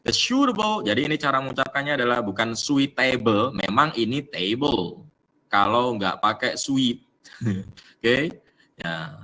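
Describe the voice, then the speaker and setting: In an online English class, a man with an Indonesian accent explains things with many fillers, mixing English words into his speech. His voice is mid-range with a sharp tone.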